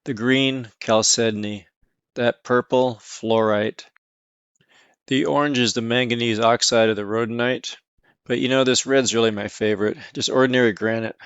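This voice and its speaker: This mineral hobbyist educator hosts a casual video, explaining and showing things folksily and calling objects "this guy." His mid-range voice is steady, clear, resonant and a bit bright at a moderate pace, recorded lo-fi with no room sound.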